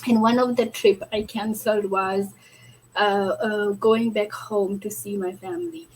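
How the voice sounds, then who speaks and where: A woman's voice: medium pitch, measured pace, slight background noise, poor audio. A woman from Fiji, telling her own business story on a panel in an earnest, candid way, with many fillers. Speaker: online business owner on a panel. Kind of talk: personal story in a panel discussion.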